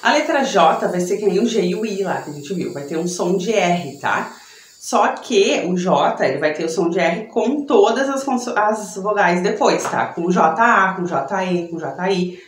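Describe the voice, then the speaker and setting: A woman's voice: mid-range voice, animated, unhurried. A young woman from Brazil teaching a Spanish pronunciation lesson in a chatty way, checking in with her students after every point. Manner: chatty, tag questions after each point. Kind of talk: online language lesson. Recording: echoey room.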